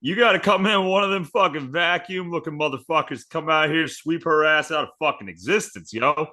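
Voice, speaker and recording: A man's voice: on the high side, bright, forceful tone. A man voicing a brash, profane street guy from Detroit who threatens anyone who talks back. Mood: belligerent. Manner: cocky, profane, quick to threaten.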